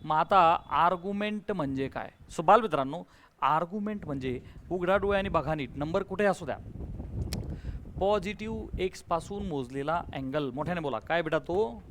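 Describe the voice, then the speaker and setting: A man teaching a maths class in a classroom, energetic, firing questions at students and urging them to answer loudly. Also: a little high, normal speed, slight background noise. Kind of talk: classroom lecture with call-and-response.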